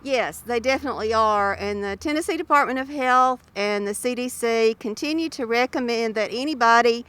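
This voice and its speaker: A woman's voice: fairly high pitch, moderate pace, hardly any pauses, a bit bright, clean tone. A woman giving informative interview answers as a health spokesperson, talking through a face mask. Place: outdoors near road traffic. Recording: outdoors by passing traffic.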